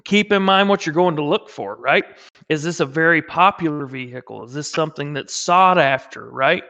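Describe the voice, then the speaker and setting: A man's voice: fairly high pitch, normal speed, pushed and bright. A man co-hosting a podcast, slightly slurring after drinks and rambling, often asking "right?". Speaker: podcast co-host. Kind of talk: casual chat. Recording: dull lo-fi mic.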